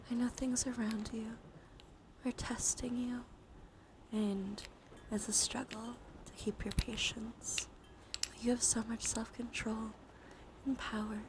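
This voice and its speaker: In a live ASMR session, a woman with a voice on the high side offers soothing, intimate encouragement, drifting between breathy whispers and soft speech. She is in a small, warm room with computers running, and noisy room ambience sits behind her voice.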